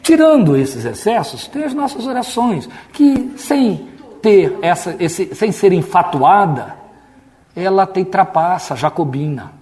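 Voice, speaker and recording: Higher-voiced Brazilian pastor, conversational. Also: male voice, big pitch swings, measured pace, darkish tone. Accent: Brazilian Portuguese. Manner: conversational, mimics stiff pompous prayer voices. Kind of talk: Bible study sermon.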